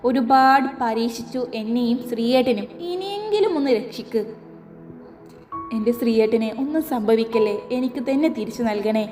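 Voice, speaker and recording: Woman doing a young wife crying out a prayer, higher voice, music under. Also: lively intonation, moderate pace, darkish tone, lightly acted. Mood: grieving. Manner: tearful, imploring prayer. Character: young wife praying in despair.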